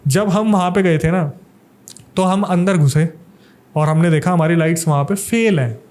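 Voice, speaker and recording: A man's voice: fairly high pitch, moderate pace, darkish tone. A young man from Delhi, a paranormal investigator, telling a suspenseful ghost story in a casual podcast interview.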